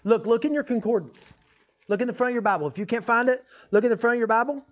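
A man's voice: extremely high pitch, fast talker. A man giving an informal, folksy teaching sermon as a preacher, often checking in with his listeners. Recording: dull, lo-fi sound.

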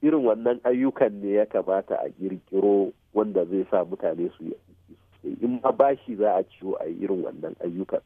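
His husky voice sits low and moves fairly quickly; he's a Nigerian radio expert with a Hausa accent who blends English technical terms into his explanations and uses short tag questions to check the listener follows. The recording is dry and muffled, like a phone line.

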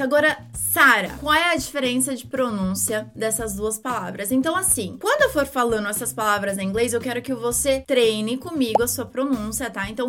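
A fairly high-voiced woman with a Brazilian Portuguese accent leads an online English pronunciation lesson. She explains clearly and slows down to repeat each example so viewers can practice with her. Soft music plays quietly underneath.

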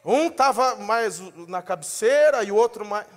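A man preaching a sermon, dramatic and animated, acting out scenes in different voices and rising to shouts at the peaks. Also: sits high, measured pace.

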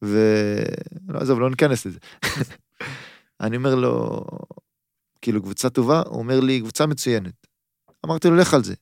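A man's voice: medium pitch, vocal fry, long pauses, no echo, studio quality. A man in his thirties, a footballer guest on a podcast, telling a story casually and acting out both sides of his phone calls.

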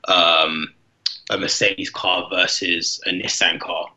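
A man's voice: low-pitched, little pitch movement, slow pace, bright, forceful tone, poor audio. A young man chatting casually, hesitant and repeating words as he makes his point. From London, United Kingdom. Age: young adult. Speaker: intern, co-host. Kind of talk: casual chat.

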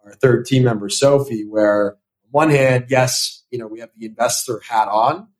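The guest is a young venture capitalist whose native tongue is Italian, interviewed on a podcast. With a steady, mid-range voice at a moderate pace, he replies thoughtfully, restarting often and repeating words as he opens sentences.

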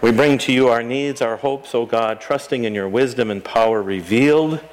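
A man speaking as a pastor, leading liturgical prayer in a solemn, measured, phrase-by-phrase way. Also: mid-range voice. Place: live church service before a congregation.

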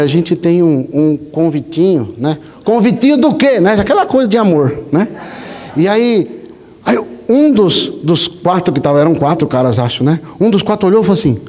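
A male pastor preaching a sermon, telling stories in an animated, conversational way and often tagging lines with a questioning aside. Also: sits high. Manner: animated, conversational, frequent rhetorical "né?". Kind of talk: sermon with storytelling. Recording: long hall reverb.

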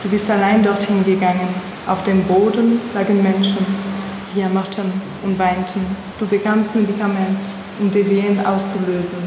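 A woman author reading a prose text aloud in a calm, even narration at a live event. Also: mid-range voice, normal speed. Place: museum event space. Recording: echoey hall with background noise.

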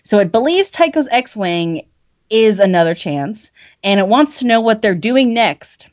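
A woman podcast host recapping a story in casual chat, animated and laughing often. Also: mid-range voice, a little slow, no room sound, dull audio. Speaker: podcast host summarizing a book.

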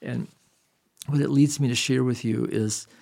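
A man's voice: medium pitch, fairly even intonation, unhurried, creaky, warm tone. A man preaching a sermon, reading scripture and speaking earnestly in a conversational way.

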